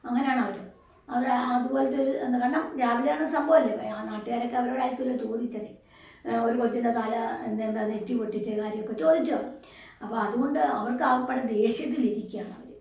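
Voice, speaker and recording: A woman teacher with a somewhat high, mellow voice, talking through a story lesson. She keeps asking her pupils questions and answers them herself. She is heard from some distance in a very echoey room. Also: fairly even intonation, fast talker. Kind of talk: explaining a story lesson to a class.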